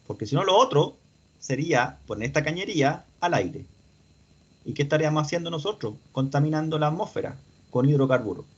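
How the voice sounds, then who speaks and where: This mechanics teacher, a man, lectures over an online class in brisk, expressive tones that sit on the high side and sound slightly rough. He moves through the lesson step by step, questioning his students as he goes, and the audio is dull and lo-fi.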